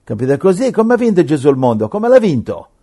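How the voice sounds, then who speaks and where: A man preaching a sermon, emphatic, swinging between loud rhetorical questions and quiet asides. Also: a little high, sing-song, brisk.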